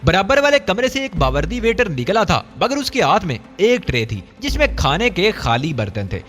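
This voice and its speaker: A man narrating a first-person thriller story as an audiobook, in a lively, dramatic storytelling manner. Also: high voice.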